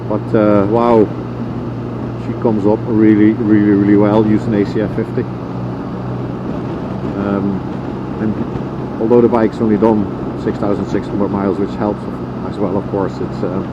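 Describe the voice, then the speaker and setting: A Dutch motorcycle vlogger from the Netherlands chats casually while riding outdoors, rambling with lots of ums and uhs. His fairly low voice has little pitch movement, a slightly slow pace and long pauses. The helmet intercom headset mic gives muffled lo-fi audio with loud road, wind and engine noise.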